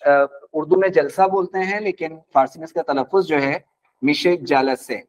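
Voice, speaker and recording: A man teaching a class as a language teacher, patiently repeating words slowly for his students. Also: a little high. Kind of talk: classroom lesson. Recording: dull lo-fi recording.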